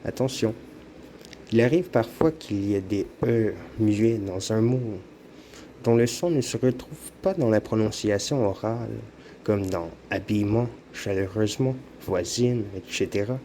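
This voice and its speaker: A man with a Quebec French accent giving a slow, measured scripted narration for an educational lesson. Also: fairly low pitch, mellow, slight background noise. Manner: slow, measured explanatory reading.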